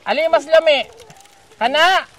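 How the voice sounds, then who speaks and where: A man's voice: very high voice, measured pace, a bit bright. A man with a Mindanao Filipino accent, vlogging outdoors in a rural village as he hands out donations, bossing and teasing the children in a joking way. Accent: Davao, Mindanao Filipino. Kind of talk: casual outdoor vlog talk. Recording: crowd noise around the speaker. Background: villagers and children chattering.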